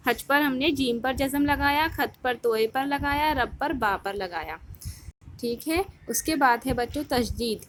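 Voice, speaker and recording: A woman's voice: high voice, slight background noise. A woman teacher giving a recorded grammar lesson to children, patiently asking the class questions and answering them herself. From India. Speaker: school Urdu teacher.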